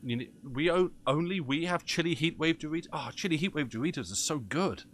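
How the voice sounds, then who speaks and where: A man's voice: a little high, animated, fairly quick, fairly bright tone. A man with a Cockney accent, chatting casually on a live game stream and ranting with passion, often restarting his sentences. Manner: impassioned ranting, frequent restarts. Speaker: gaming streamer.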